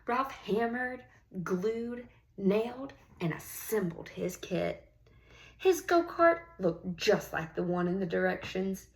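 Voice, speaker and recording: The recording is rough, and the woman speaking has a gravelly, medium-pitched voice and a slow pace. She is a teacher reading a picture book to young kids, giving it expressive storybook treatment with drawn-out key words, encouraging questions, and praise.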